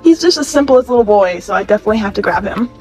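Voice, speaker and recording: A chatty young Californian in her twenties gushes to her phone camera as she shops, narrating her vlog very fast in a mid-range voice. Soft music plays in the stores around her.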